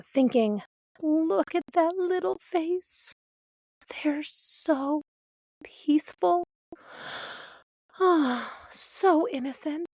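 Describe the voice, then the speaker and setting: A woman's voice: fairly high pitch, no room sound. A woman hosting a podcast, a parent of a toddler doing a sardonic comedic monologue and swearing freely. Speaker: podcast host.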